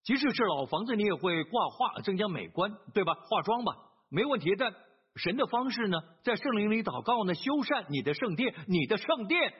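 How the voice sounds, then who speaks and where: A man's voice: high voice, big pitch swings, a little fast, breathy edge. A man preaching a sermon, telling a story earnestly, with hesitant fillers and repeated phrases. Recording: dull lo-fi sermon recording.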